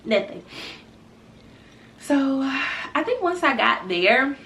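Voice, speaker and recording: A woman's voice: mid-range voice, lively intonation, normal speed, sharp tone, echoey room, recorded from a distance, a little hiss or hum. A woman in her thirties talking candidly and casually to her viewers, calling them y'all. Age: 30s. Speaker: vlogger. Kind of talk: casual talk to camera.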